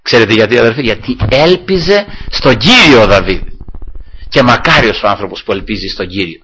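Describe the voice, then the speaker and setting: Bright, husky-voiced male preacher. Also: fairly low pitch, animated, low-quality recording. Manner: retells scripture dramatically, often addressing the brothers. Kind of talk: sermon.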